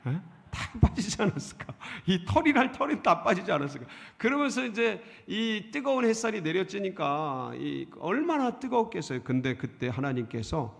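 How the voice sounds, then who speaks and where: A middle-aged male pastor preaching a sermon, asking the congregation questions and answering them himself, dramatic and expressive. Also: moderate pace, gravelly, few pauses. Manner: dramatic, acts out emotions with sudden pitch jumps. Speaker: senior pastor. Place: church sanctuary. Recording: church sanctuary with long reverb.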